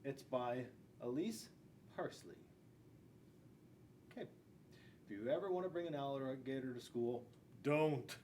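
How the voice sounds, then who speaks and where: Recorded on a camera several feet off in a school classroom, with faint room noise, a man in his forties who works as a school resource officer reads a storybook to young kids and throws in playful, chatty asides. He speaks unhurriedly in a darkish mid-range voice, pausing often.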